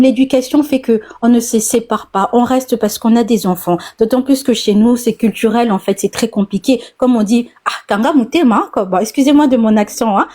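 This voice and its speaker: Forties woman, mellow voice, chatty caller, hesitant restarts. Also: on the high side. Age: 40s. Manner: hesitant, repeats words, then tells at length. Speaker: caller on a live talk. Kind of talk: casual personal testimony.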